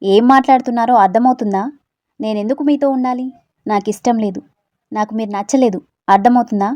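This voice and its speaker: A woman's voice: fairly high pitch, brisk, warm tone, no echo, muffled recording, close to an everyday voice. A woman voicing Tara, a stubborn young woman who protests sharply and is irritated with the man pursuing her. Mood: protesting.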